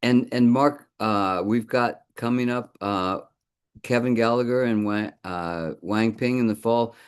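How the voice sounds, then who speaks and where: A man's voice: medium pitch, unhurried, clear, resonant tone. A man hosting a livestream poetry reading, teasing the readers and bringing on the next poet. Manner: jokey, teasing, exclamatory. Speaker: host of a reading series. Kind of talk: joking livestream emcee.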